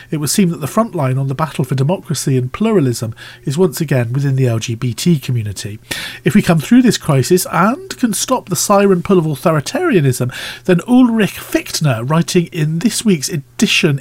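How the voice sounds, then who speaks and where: A man presenting a scripted news report in a husky voice. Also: fairly high pitch, dry recording.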